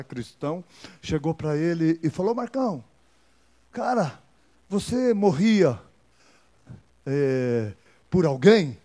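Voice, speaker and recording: A man preaching a sermon, telling a testimony with emphasis, swinging from soft to loud. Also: medium pitch.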